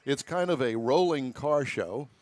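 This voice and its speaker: A man's voice: medium pitch, animated, measured pace, darkish tone. A man with a mid-range voice hosts a casual live radio show. He talks in a folksy, rambling way with a jokey streak. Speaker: radio car show host. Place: live remote broadcast at a car show. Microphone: broadcast headset.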